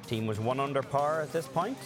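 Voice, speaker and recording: Male golf commentator, medium pitch, measured analyst type, faint music behind.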